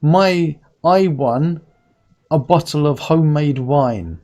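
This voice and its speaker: A man's voice: fairly high pitch, slow, a little mellow. A man in his forties who pronounces his r's as w's, hosting a casual live stream in a chatty, rambling, anecdotal way. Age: 40s. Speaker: host.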